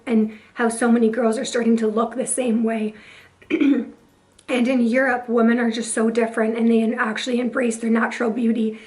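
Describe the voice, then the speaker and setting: A woman vlogger talking earnestly and confidingly to camera, her voice hoarse and partly lost after a breathing tube. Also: on the high side, darkish tone. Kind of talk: earnest personal talk to camera.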